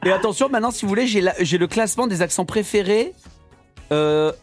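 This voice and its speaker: A man's voice: high voice, expressive, brisk, soft background music. A man with a Southern French accent hosting a radio show, playful and teasing as he runs a quiz. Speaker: radio host. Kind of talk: morning radio banter.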